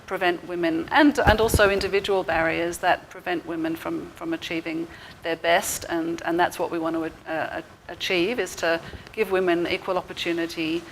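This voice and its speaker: A woman speaking as a guest in a radio interview, earnest and steady, often repeating words. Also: on the low side, moderate pace, slight background noise, low-quality recording.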